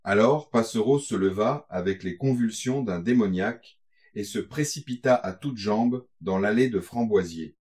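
A man narrating a gothic tale in a measured, somber, dramatic way. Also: on the low side, darkish tone, husky. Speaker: audiobook narrator.

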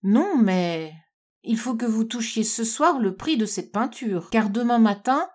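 A woman's voice: a little high, expressive, measured pace, a little mellow. A woman narrator voicing a stylish stepmother who speaks sharply and with reproach. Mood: reproachful.

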